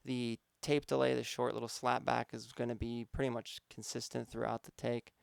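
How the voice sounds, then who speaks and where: A man's voice: medium pitch, flat delivery, normal speed, vocal fry, smooth, no room sound, clean studio sound. A man, a music producer, casually walking through his vocal mixing steps, thinking aloud with some fillers. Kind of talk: casual instructional walkthrough.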